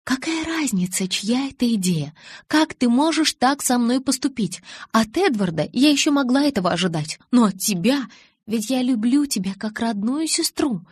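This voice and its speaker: A woman doing an excitable, wheedling young vampire girl. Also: moderate pace, husky, no room sound. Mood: eager, insistent. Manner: excitable, wheedling, high and emphatic. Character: bubbly pleading young female vampire.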